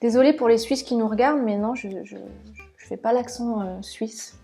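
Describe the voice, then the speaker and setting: A woman's voice: a little high, moderate pace, mellow, soft background music. A woman hosting a live cooking stream with a put-on southern French accent, chatting casually and thinking aloud as she works in her kitchen, often laughing at her own mistakes. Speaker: cooking channel host.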